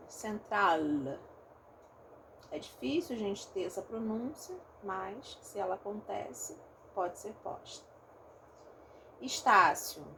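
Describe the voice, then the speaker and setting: Slow-talking Carioca woman teacher. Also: medium pitch, vocal fry, a little hiss or hum. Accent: Rio de Janeiro Portuguese. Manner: explains step by step, often checking in with "tá?" and "né?". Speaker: phonetics teacher. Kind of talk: recorded online lesson.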